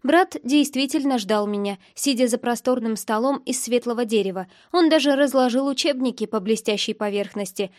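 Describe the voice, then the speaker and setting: A woman narrating a novel in the first person with calm, even storytelling. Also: a little high, normal speed, few pauses, dry recording, studio quality. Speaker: audiobook narrator.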